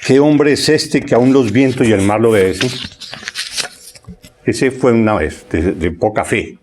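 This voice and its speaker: A man's voice: mid-range voice, background noise. A man preaching a sermon, reading scripture aloud and often checking in with "¿sí?". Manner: conversational preaching with frequent "¿sí?" checks and word repetitions; reads scripture aloud, stretching key phrases slowly.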